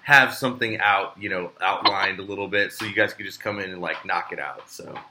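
A man's voice: sits low, fairly quick, a loud crowd. A man hosting a casual podcast chat, rambling with plenty of fillers and restarts. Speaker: podcast host and show promoter.

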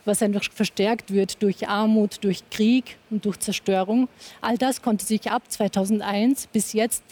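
Impassioned woman with a mellow voice. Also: mid-range voice, steady tone, a little slow. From Afghanistan. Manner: insistent, impassioned, talks over interruptions. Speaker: panel guest. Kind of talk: heated TV panel debate.

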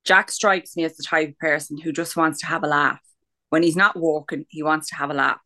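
A woman's voice: low-pitched, fairly even intonation, a little fast, sharp tone. An Irish woman co-hosting a podcast, chatting casually in a blunt, sweary way with an Irish accent. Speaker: podcast co-host. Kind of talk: casual gossip chat.

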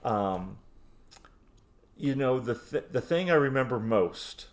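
A man's voice: medium pitch, expressive, takes it slowly. A man in his forties co-hosting a podcast, chatting casually and nostalgically with frequent restarts. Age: 40s. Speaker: podcast co-host. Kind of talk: casual chat.

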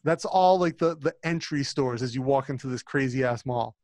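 A man's voice: mid-range voice, moderate pace, a little mellow, no echo. A man hosting a podcast, telling stories in a loose, casual way with some swearing. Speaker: podcast host.

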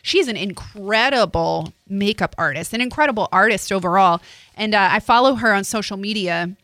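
A woman co-hosting a radio show, talking in an animated, chatty way and laughing easily. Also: medium pitch, normal speed, no room sound. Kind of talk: casual chat. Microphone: studio mic.

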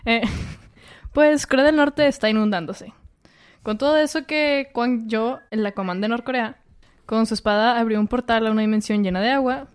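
A woman's voice: a little high, clean tone. A woman recapping a comic book in casual chat, playful and dropping in English phrases. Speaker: podcast co-host.

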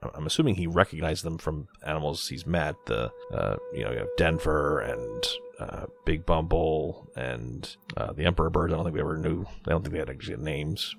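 A man's voice: extremely low pitch, brisk, vocal fry, few pauses, faint music behind. A man talking casually as a player in a tabletop role-playing game, hesitant and thinking aloud as he goes.

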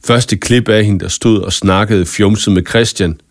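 Storybook narrator, male, lowish and expressive, dry studio read. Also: no echo. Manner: expressive children's story reading. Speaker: audiobook narrator. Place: studio booth.

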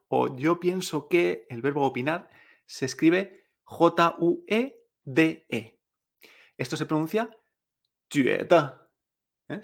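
A man's voice: fairly high pitch, gravelly. A man teaching Chinese pronunciation, patiently repeating each sound for the listener to drill. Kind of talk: pronunciation lesson.

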